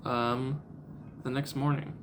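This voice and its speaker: A man's voice: mid-range voice, little pitch movement, slow, music in the background. A man narrating as game master of a tabletop game, loose and rambling with many fillers.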